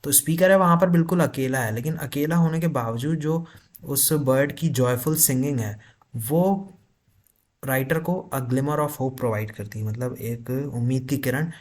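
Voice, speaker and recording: A man teaching literature for an exam, explaining in Hindi with terms and reading notes slowly. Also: medium pitch. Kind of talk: exam-prep lecture.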